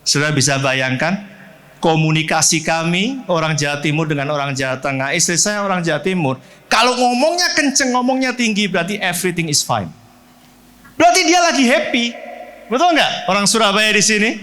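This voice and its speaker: A middle-aged man from Central Java preaches with a high, lively voice that keeps leaping up and dropping low. He asks the congregation questions as he goes and slips English words into his sermon. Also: a little fast. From Central Java, Indonesia. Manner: animated preaching with lively pitch swings and direct questions to the congregation. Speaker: pastor.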